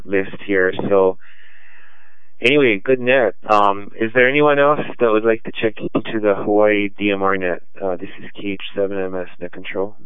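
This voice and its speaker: Man, net control, ham radio transmission, low-pitched, measured and unhurried, tinny phone-like sound, dry. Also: smooth, no room sound. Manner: unhurried and measured, many ums. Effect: heard over a two-way radio. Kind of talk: ham radio net, calling for check-ins.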